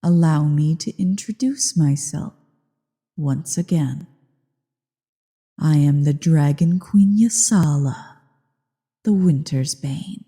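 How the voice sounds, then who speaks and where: Slow, dark, haughty dragon queen. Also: sits low. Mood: haughty, condescending. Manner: imperious, deliberate, disdainful. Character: haughty, menacing ancient female dragon queen, giant and contemptuous. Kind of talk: slow theatrical ASMR roleplay monologue. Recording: cavernous echo and long reverb.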